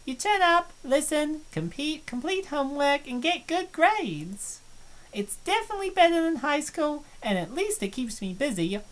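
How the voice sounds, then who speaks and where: In this visual novel voice acting, a woman plays a shy young college student who is obsessed with a boy. Her voice sits high and swings widely in pitch, and she reads at a moderate pace in an earnest, confessional, confiding way.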